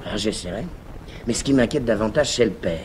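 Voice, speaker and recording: A man's voice: lowish voice, expressive, a little fast, darkish tone, a little hiss or hum, lightly acted. A man voicing a shy, naive young male schoolteacher in love, speaking hesitantly with stammers in a live radio reading of a play. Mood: fretful.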